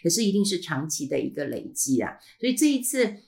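A middle-aged woman with a Taiwanese Mandarin accent hosts her own podcast in a slightly low, easygoing voice. She rambles warmly through a personal story, peppering it with fillers and soft "ha" tags, her throat not fully recovered. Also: sing-song, fast, creaky. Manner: chatty, frequent filler sounds and trailing "ha" tags. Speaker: podcast host.

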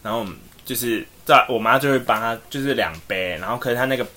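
A man's voice: medium pitch, fast talker. A man, co-hosting a podcast and telling a rambling story with lots of fillers. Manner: animated, rambling, many fillers. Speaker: podcast co-host. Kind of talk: casual storytelling.

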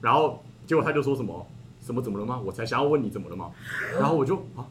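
A young man from Taiwan, a podcast host, telling a story in casual chat with animated delivery and frequent laughter. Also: medium pitch, rapid-fire, background noise.

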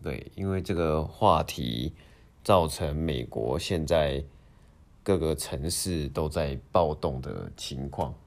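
A man with a low, deep voice speaks. He co-hosts a casual news discussion. He talks haltingly, restating phrases and dropping in English words. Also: creaky. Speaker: podcast co-host.

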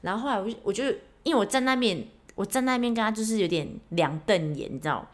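A young woman hosts her own podcast, telling a story from her life on her own. She talks in a chatty, animated way and pokes fun at herself as she goes. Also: medium pitch, fast talker. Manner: chatty, self-mocking, animated. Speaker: podcast host. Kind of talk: casual solo storytelling.

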